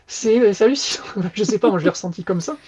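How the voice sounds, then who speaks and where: A man co-hosting a podcast, chatting casually as he reviews a novel in an animated, slangy, loose way. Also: high voice, quick pace, highs cut off, over a noisy crowd. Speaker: podcast co-host. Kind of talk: casual book review chat.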